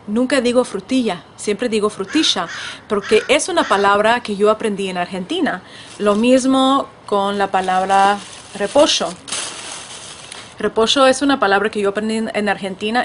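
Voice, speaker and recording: A woman's voice: mid-range voice, slight background noise. A woman hosting a podcast, speaking Spanish in a thoughtful personal monologue. Her accent shifts between several varieties, and she often restarts her phrases. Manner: thoughtful, with frequent restarts and fillers. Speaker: podcast host and language author. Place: California.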